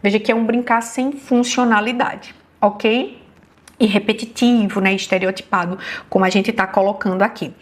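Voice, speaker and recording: A woman's voice: mid-range voice, steady tone, normal speed. Woman, Brazilian Portuguese accent, neurologist lecturer, explanatory teaching tone, frequent check-ins with listeners. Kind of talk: online health lecture.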